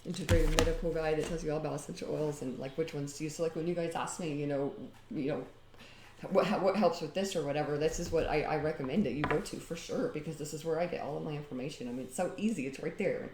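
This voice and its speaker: A home DIY vlogger chats casually at home while demonstrating a homemade recipe, rambling, talkative, and often laughing. She has a deep, dark-toned voice and talks fast, in a reverberant space with a little hiss or hum.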